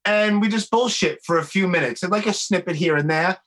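A male podcast host with a clear Brooklyn accent talks in a bright, punchy voice pitched a bit high. He chats casually and bluntly, throwing in slang and swearing as he tells stories. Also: brisk. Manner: blunt, swearing, animated storytelling full of slang. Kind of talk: casual conversational chat.

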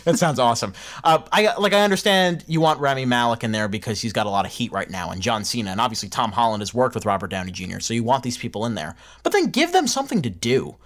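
A man co-hosting a film podcast, giving opinionated, animated reviews in a casual chat. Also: mid-range voice, fast, few pauses. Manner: opinionated, animated, laughs often. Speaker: podcast co-host.

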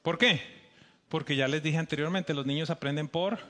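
Animated Colombian man preaching. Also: a little high, moderate pace. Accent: Colombian, Bogotá. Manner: animated, acts out quoted voices, emphatic rising delivery. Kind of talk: sermon.

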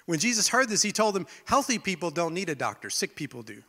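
A man's voice: high-pitched, big pitch swings, quick pace, sharp tone, big-room sound. A man with a nasal, congested-sounding voice giving a conversational sermon as a teaching pastor, informally checking in with listeners as he goes. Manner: informal, frequent check-ins like "right?" and "okay?".

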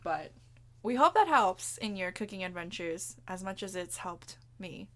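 Chatting on a podcast she co-hosts, a young Cantonese-first woman giggles and swears casually. She speaks at a measured pace in a medium, slightly bright voice with lively intonation.

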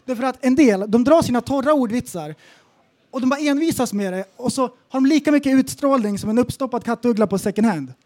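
A man with a very high voice tells comic stories on a casual podcast. He talks in an animated way and acts out the people in his stories. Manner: animated storyteller, acts out quotes. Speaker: podcast co-host. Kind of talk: casual comedic podcast chat.

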